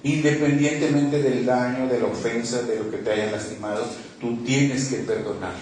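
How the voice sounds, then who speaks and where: A man's voice: medium pitch, steady tone, normal speed, darkish tone, far from the mic. A man preaching a sermon as pastor, reading scripture and pressing the listeners with repeated rhetorical questions. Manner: emphatic, asks the congregation rhetorical questions and repeats key phrases. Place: church hall. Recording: very echoey hall, voice from off mic, faint background noise.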